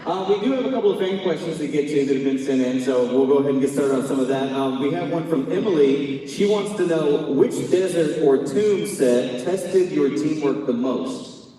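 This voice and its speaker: A man moderating a fan Q&A panel, excited and geeking out. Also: on the high side, moderate pace, recorded from a distance. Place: large convention hall. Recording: echoey hall with crowd.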